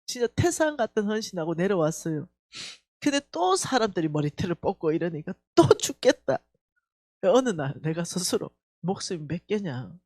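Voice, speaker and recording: Give me a woman with a Gyeongsang Korean accent, a church staff member testifying at a revival. Her pitch swings up and down as she tells her story and acts out each line of dialogue. The sound is dry and close, with no room echo. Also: moderate pace. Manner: animated storytelling, acting out dialogue.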